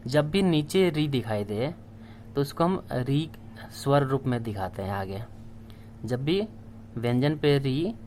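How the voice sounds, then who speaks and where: Slow patient male language teacher. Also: medium pitch, slight background noise. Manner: patient, spells out letters one by one, repeats words. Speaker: Sanskrit teacher. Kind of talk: slow classroom explanation.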